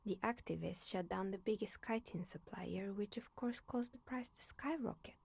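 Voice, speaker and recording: Game npc, older lady spinning gossip, gravelly and breathy, dry wry delivery. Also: medium pitch, normal speed. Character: chatty older woman telling local gossip. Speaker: game character. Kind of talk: voiced video game dialogue.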